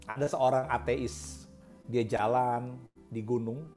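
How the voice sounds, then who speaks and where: A man's voice: medium pitch, fairly even intonation, slow pace, a little mellow, faint music behind. A man preaching a sermon as pastor, in a casual, conversational way, often putting questions to the congregation.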